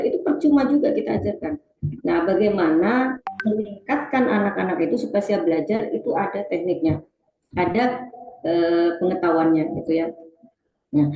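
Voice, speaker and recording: A woman's voice: mid-range voice, mellow, roomy sound, slight background noise, rough recording. A woman presenting an online webinar on teaching reading, talking to the audience and reading out chat replies with many fillers.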